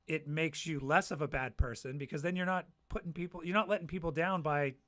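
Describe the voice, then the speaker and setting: A man hosting a podcast, chatting casually in an animated way and restarting his sentences often. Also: a little high, fairly quick. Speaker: podcast host. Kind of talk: casual chat.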